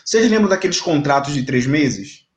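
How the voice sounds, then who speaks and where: A man's voice: on the high side, expressive, moderate pace, echoey room. A man, talking as a football commentator on a fan debate show, emphatic and indignant, often repeating words.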